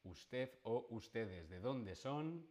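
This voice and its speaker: This is a man from giving an online lesson. His voice sits at an ordinary mid pitch, and he speaks. He moves slowly and patiently, stopping often to ask his viewers questions. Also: expressive, darkish tone. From Spain. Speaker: Spanish teacher.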